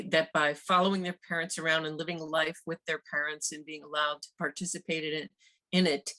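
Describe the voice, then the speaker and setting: An older woman talks on a video call, rambling with frequent restarts as she reminisces. Her voice sits a little low. The sound is a plain online call. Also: a bit bright. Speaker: former office worker sharing memories. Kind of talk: casual video call conversation.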